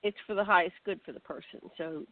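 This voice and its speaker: A woman's voice: fairly low pitch, fast talker, no echo. A woman hosting a radio talk show, chatting in a rambling, easygoing way as she sets up her guest. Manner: chatty, rambling, self-narrating. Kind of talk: casual radio chat. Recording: tinny phone line.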